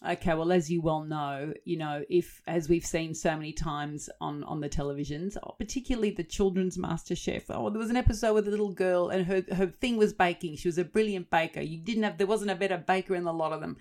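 A woman co-hosting a podcast, telling stories in lively casual chat with easy laughs and chatty asides. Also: on the low side, fairly quick, hardly any pauses. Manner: animated storyteller, laughs easily, chatty asides. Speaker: podcast co-host.

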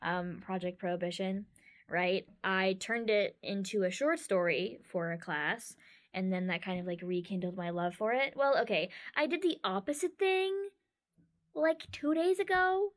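A woman co-hosting a podcast in casual chat, animated and playful, often laughing. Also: medium pitch, a little slow. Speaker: podcast co-host.

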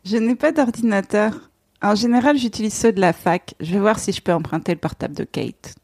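A woman's voice: mid-range voice, fairly quick, darkish tone, husky, no echo, studio quality. A French woman co-hosting a podcast, making wry, sweary asides and reading lines. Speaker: podcast co-host. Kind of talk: casual chat and reading.

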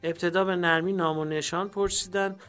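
Guy with a higher voice reading a memoir story, calm and measured, faint music behind. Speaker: narrator. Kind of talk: storytelling read-aloud of a literary memoir. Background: faint background music.

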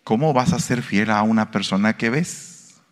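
A man's voice: lowish voice, normal speed. A male pastor, preaching a sermon and putting questions to the congregation. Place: church. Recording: reverberant church hall.

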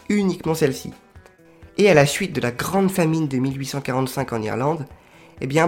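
A man explaining history in a casual, chatty way, full of fillers and quick self-corrections. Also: on the high side.

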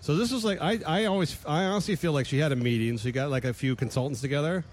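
A man co-hosting a casual comedic chat, animated and laughing often. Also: a little high, quick pace. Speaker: podcast co-host.

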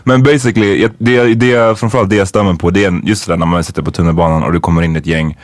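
A man co-hosting a podcast in casual chat, halting and restarting often and using slang. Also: deep voice, fairly even intonation, no room sound, clean studio sound. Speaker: podcast co-host.

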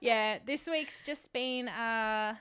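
A woman's voice: fairly high pitch, slow pace, pushed and bright, clean tone. A woman co-hosting a podcast in casual chat, offhand, teasing and sweary. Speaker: podcast co-host.

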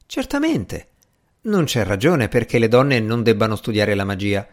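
A man's voice: fairly low pitch, sing-song, normal speed. A man reading the part of an ambitious, impatient young male magician in an audiobook, earnest and easily irritated.

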